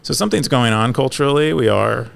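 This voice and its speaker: This man from California co-hosts a podcast, speaking fast at a medium pitch with vocal fry. His casual explanation of an idea is peppered with hesitations, restarts and filler words.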